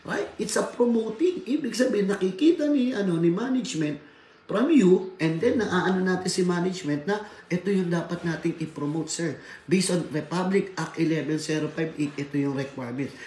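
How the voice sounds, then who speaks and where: A man's voice: sits high, normal speed, darkish tone. A man from the Philippines giving a workplace safety seminar lecture, switching between Tagalog and English and often adding tag questions like "right?". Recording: echoey room, faint background noise.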